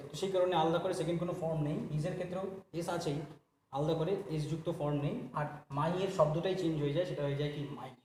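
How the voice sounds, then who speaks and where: A man's voice: high voice, a little mellow, roomy sound, long reverb tail. A man teaching an English grammar lesson, explaining step by step and asking and answering his own questions. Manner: repeats and rephrases points. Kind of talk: Bengali-language grammar lecture.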